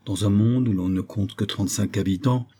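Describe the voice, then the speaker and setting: A man narrating an audiobook in a measured, expressive reading. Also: lowish voice.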